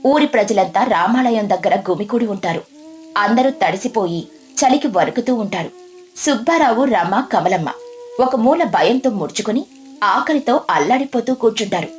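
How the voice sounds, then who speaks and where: A woman narrating a scripted moral story in a steady, expressive reading voice. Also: on the high side, normal speed.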